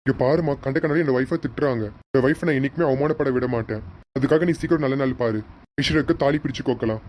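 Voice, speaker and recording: Brief: woman playing a steady young husband, very low, dark, quick. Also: a little hiss or hum. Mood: firm. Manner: firm, reassuring. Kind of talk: amateur serial voice acting.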